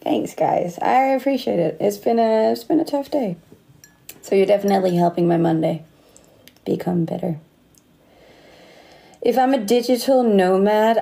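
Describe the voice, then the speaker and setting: The voice is on the low side, creaky and mellow: a Danish woman in her late twenties with a faint Australian accent. She hosts a casual livestream from her phone held near her face in an indoor room, reading comments and often laughing.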